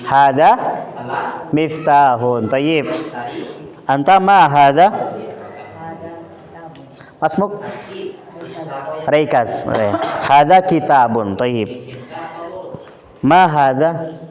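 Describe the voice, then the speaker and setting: A man's voice: a little high, lively intonation, very slow, long pauses. A man with an Indonesian accent teaching an Arabic lesson in a boarding school class, drilling pupils with questions and explaining in Indonesian. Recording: roomy classroom with pupils' chatter.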